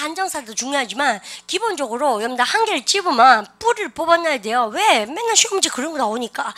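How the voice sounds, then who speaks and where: A woman teaching an online English grammar lecture, animated and coaxing her students to repeat example sentences aloud. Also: sits high.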